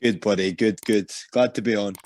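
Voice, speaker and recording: A man's voice: lowish voice, fairly even intonation, moderate pace, noisy background. A young Scottish man, an MMA fighter, answering interview questions casually and hesitantly, with many ums and restarts. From Scotland.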